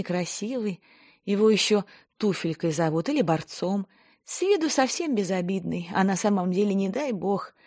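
A woman's voice: medium pitch, a little mellow, slightly rough. A woman reading an audiobook voices a stern, plain-spoken older village woman telling a grim local tale. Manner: plain-spoken storyteller, blunt and earthy.

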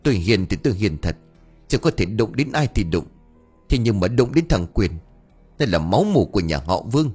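A man voicing a young second wife who is calm but firm and answers back curtly. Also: lowish voice, a little fast, husky. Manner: sharp, curt comebacks. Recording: faint background music.

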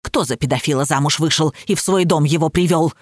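A woman's voice: deep voice, animated, moderate pace, no room sound, studio quality, pitched below the performer's own voice. A woman reading the part of a scheming, stubborn widow who answers accusations sharply and defiantly. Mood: furious.

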